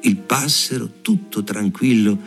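A man reading a fairy tale aloud, with expressive storytelling. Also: on the low side, a little slow, faint music behind. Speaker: reader.

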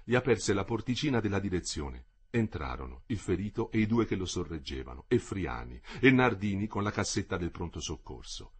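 A man's voice: low-pitched, sing-song, brisk, slightly rough. A man reading a novel aloud as an audiobook narrator, with dramatic phrasing.

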